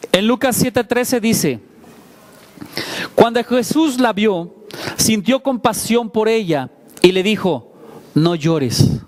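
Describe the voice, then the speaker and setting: High-voiced man preaching conversationally. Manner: conversational preaching with frequent rhetorical questions; self-deprecating asides. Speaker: pastor. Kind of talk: sermon.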